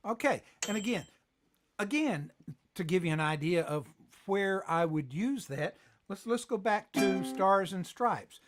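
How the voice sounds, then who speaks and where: A man teaching a ukulele lesson on a live stream, talking in a relaxed way while he plays and calls out tempos. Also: sits high, measured pace, over loud music. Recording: loud ukulele playing under the voice.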